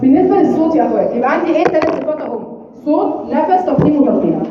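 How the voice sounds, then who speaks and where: Woman teacher, Egyptian accent, high voice, quick, patient checking questions, dull lo-fi sound. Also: animated, background noise. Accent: Egyptian Arabic. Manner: explains patiently, keeps checking understanding, demonstrates letter sounds. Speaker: Quran recitation teacher. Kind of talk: informal lesson explanation. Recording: echoey, distant, dull room recording.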